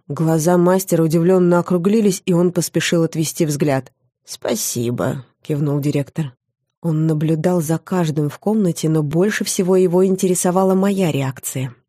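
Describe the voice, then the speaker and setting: A woman narrating a first-person fantasy audiobook with wry, lively storytelling. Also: lowish voice, no echo, clean studio sound.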